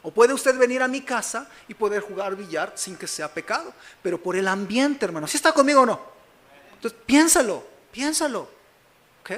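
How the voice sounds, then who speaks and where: A pastor with a Mexico City Spanish accent preaches a sermon, repeatedly asking his congregation whether they are following him. His voice is high-pitched with a fairly bright tone.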